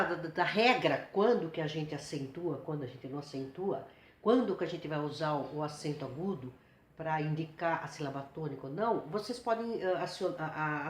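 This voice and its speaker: Patient woman teaching grammar, echoey room. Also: mid-range voice. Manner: patient, repeats words and restarts, slows to spell out examples. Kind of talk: grammar lesson at a whiteboard.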